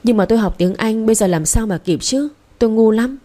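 A woman's voice: a little high, fairly quick, mellow, lightly acted. A woman reading the lines of a shy, hesitant young woman who doubts herself, in an audiobook.

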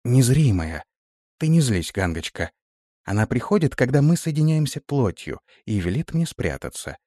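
A man's voice: mid-range voice, sing-song, moderate pace, mellow, dry recording, studio quality. A man doing a meek, trusting young woman. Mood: confiding.

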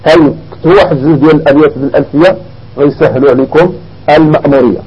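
Husky Moroccan man teaching grammar. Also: a little high, rapid-fire, highs cut off. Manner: explains step by step, asks the class questions and answers them. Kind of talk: Arabic grammar lesson.

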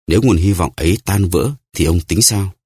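A man voicing a reserved English visitor who asks questions in a measured, steady way in an audiobook. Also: low-pitched, slightly rough, no room sound, studio quality. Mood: probing.

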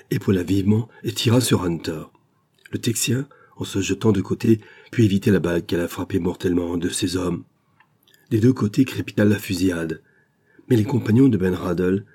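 A man reading a classic adventure novel aloud in steady, measured scripted narration. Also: low-pitched, husky. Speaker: audiobook narrator.

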